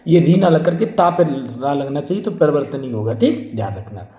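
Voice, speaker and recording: This exam-prep Hindi spelling lesson is led by a man whose fairly high voice has a dark tone and lively intonation at a normal speed, heard in a roomy space. His teaching is repetitive drilling: each word repeated, questions asked and self-answered, students called friends and brother.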